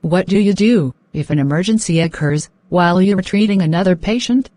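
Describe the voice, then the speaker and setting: A woman's voice: on the low side, brisk, dark tone, no room sound. A woman working as a speaking test examiner, reading out scripted questions and instructions in a polite, formal way.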